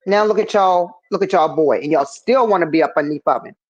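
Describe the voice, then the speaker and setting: A woman's voice: on the low side, fast, a little mellow, lo-fi sound. A woman hosting a livestream podcast, blunt, profane and mocking in her talk. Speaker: livestream host. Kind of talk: heated livestream discussion.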